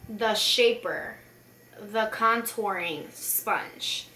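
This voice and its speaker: A woman's voice: mid-range voice, very slow, sharp tone. A tipsy woman chatting casually through a makeup tutorial, rambling and self-deprecating with mild swearing. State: tipsy from beer. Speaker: beauty vlogger, tutorial host. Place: echoey room at home. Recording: echoey room with faint noise.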